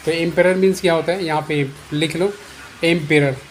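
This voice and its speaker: A man's voice: on the high side, fairly even intonation, brisk, slight background noise. A man giving a patient, repetitive lesson at a board, often checking that his students understand. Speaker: teacher. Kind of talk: whiteboard English lesson. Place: room with a board.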